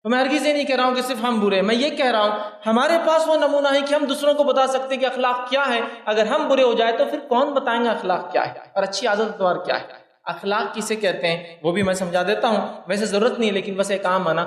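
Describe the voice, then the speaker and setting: A high-voiced man preaches a religious lecture. He repeats each point and speaks straight to his listeners. The sound rings through a large hall from a distance. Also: few pauses. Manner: repeats points for emphasis, addresses listeners directly. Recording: echoey hall, mic at a distance.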